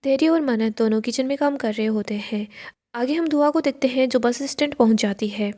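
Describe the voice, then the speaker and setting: Woman storyteller, casual plot recap, mellow voice, a touch high, steady delivery. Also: brisk.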